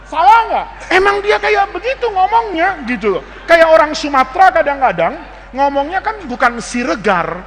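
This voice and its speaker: A man's voice: very high voice, very animated, normal speed, a bit bright, in a large hall. A man with an Indonesian accent giving a playful religious lesson to students, joking and mimicking dialects as he spells out words. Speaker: Islamic teacher.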